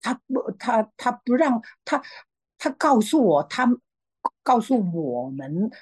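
A woman sharing a personal faith testimony, hesitant with frequent restarts and fillers, growing lively as she tells a story. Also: fairly high pitch, takes it slowly, slightly rough, dry recording. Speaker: church member sharing a testimony.

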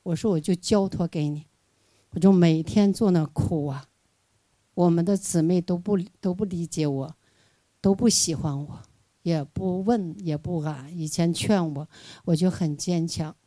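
Older woman, Northeastern Mandarin accent, lowish mellow voice, dry sound, folksy halting church testimony. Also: no echo. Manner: halting, repeating and restarting, plain folksy speech. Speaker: church member giving testimony. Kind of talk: spontaneous personal testimony.

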